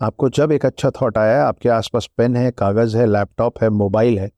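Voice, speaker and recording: Male author guest, earnest and measured, mellow tone, dry close sound. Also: mid-range voice, no echo, lo-fi sound. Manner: earnest, advice-giving, measured. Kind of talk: reflective interview talk, mixing Hindi and English.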